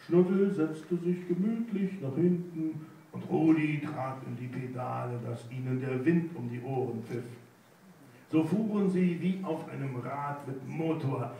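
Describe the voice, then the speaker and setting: Slow playful male storybook reader. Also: on the high side, vocal fry, dark tone, a little hiss or hum. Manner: unhurried, playful. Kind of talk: unrehearsed reading of a children's story. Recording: echoey room, mic far off.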